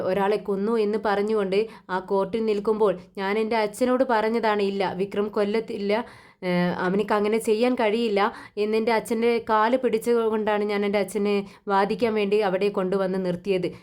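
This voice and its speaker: A woman voicing a defiant young wife who answers back with sharp, accusing questions. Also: mid-range voice, flat delivery, fairly quick, clean tone, natural voice.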